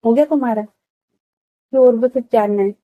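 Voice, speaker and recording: A woman voicing an easygoing, teasing woman of thirty, with a hoarse throat. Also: on the high side, normal speed, no room sound, phone-quality sound, close to an everyday voice. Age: 30s.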